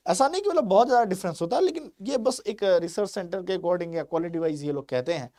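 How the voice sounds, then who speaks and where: A man's voice: high voice, animated, fast talker, warm tone. Chatty male teacher quizzing his class. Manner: conversational, asks and answers his own questions, says "bhai" often. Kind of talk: exam-prep lecture.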